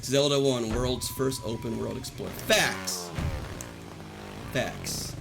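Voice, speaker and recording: Playful, lively male game streamer. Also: medium pitch, slow pace, vocal fry. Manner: playful, jokey, teasing chat, laughs often. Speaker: live streamer. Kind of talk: casual live-stream chat while gaming. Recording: game music behind the voice. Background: video game music.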